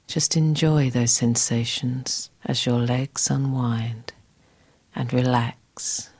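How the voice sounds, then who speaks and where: A woman guiding a scripted relaxation exercise in a soft, soothing, breathy, near-whispered voice. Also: a bass voice, steady tone, slow. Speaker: relaxation guide.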